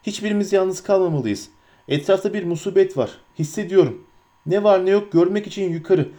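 A man's voice: sits high, a little fast, warm tone, pitched above the performer's own voice, natural voice. A man voicing a stern, grave male ranger who leads the group, speaking firmly. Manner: firm, commanding.

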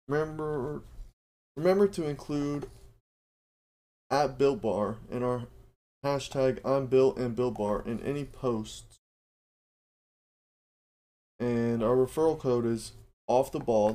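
A man's voice: medium pitch, warm tone. A man hosting a sports podcast, reading sponsor ads in a casual, fumbling way and apologizing for his slip-ups. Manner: fumbling, apologetic, self-mocking about ad reads. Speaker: podcast host.

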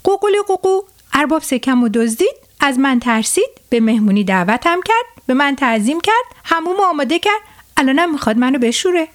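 A woman voicing a clever, boastful male rooster who crows loudly in a storybook tale for children. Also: high voice, very animated. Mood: crowing, boastful. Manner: loud crowing sing-song.

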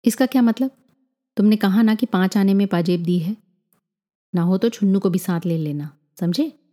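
A woman's voice: medium pitch, normal speed, mellow, lightly acted. A woman reading the lines of a stern, impatient middle-aged father in a story, in a scolding, commanding way.

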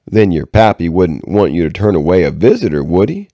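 A man's voice: deep voice, sing-song, brisk, dark tone, dry recording. A man doing a sly, drawling backwoods drifter. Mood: sly, friendly. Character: heavyset ragged frontier man, sly and folksy.

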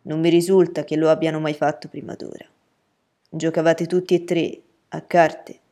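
A woman voicing a calm, firm middle-aged father in a storybook reading, speaking in a measured, lowered tone. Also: natural voice.

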